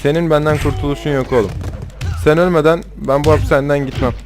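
A man's voice: a little high, fairly even intonation, quick pace, over music. A young man commentating his own gameplay in casual talk, rowdy and swearing at the characters on screen. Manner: rowdy, swearing, trash-talking the game characters. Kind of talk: casual let's-play commentary.

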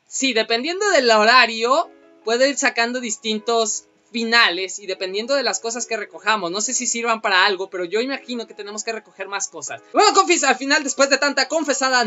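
A man commentating a video game, thinking aloud and bursting into excited outcries. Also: very high-pitched, lo-fi sound. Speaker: gameplay commentator. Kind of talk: let's play commentary.

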